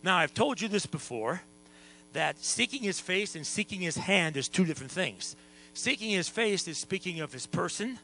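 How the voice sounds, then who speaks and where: Male pastor, high gravelly voice, preaches soft then shouts, mains hum under it. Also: rough recording. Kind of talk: revival sermon. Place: church sanctuary.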